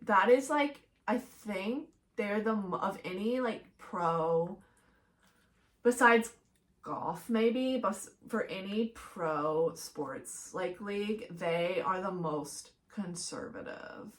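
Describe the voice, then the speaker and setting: A woman's voice: medium pitch, slow pace, hardly any pauses. A middle-aged woman hosting a solo podcast, speaking casually and bluntly. She gets fired up and swears freely, and she peppers her sentences with "like" in a mid-range voice. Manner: fired-up, blunt and profane, heavy use of "like". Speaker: podcast host.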